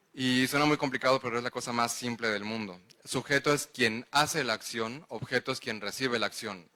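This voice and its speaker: A man's voice: mid-range voice, sharp tone. A man with a Mexican accent giving a public lecture, engaging the audience with questions. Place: lecture hall.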